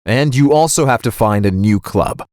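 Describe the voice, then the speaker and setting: A man voicing a blunt adult soccer coach who delivers news in a flat, matter-of-fact way. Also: mid-range voice, moderate pace, dry recording, studio quality, voice pushed down, close to an everyday voice. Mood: grave.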